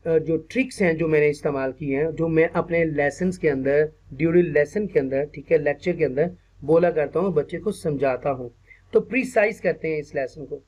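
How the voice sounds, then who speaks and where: A man with a Pakistani accent giving an online teacher-training lecture, patiently repeating words slowly and checking in often with his listeners. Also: on the high side, darkish tone. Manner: mixes English phrases into speech, asks "ठीक है ना" often.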